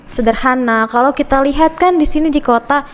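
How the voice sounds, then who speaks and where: Brief: young female student guest from Indonesia, higher voice, measured and polite. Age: young adult. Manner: polite, measured answers with short agreements. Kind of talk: casual podcast interview.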